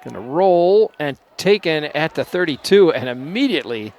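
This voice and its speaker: A man calling a college football game play by play in a relaxed, unpolished way, sometimes unsure of player names. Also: a little high, normal speed. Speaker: play-by-play announcer. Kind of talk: local college football commentary.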